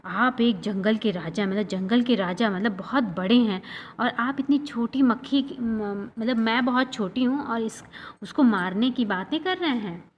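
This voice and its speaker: A woman's voice: fairly high pitch, measured pace, lo-fi sound, slight background noise, natural voice. A woman voicing a tiny, boastful female fly who mocks and dares a lion in a storybook reading. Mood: cheeky. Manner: mocking, daring tone.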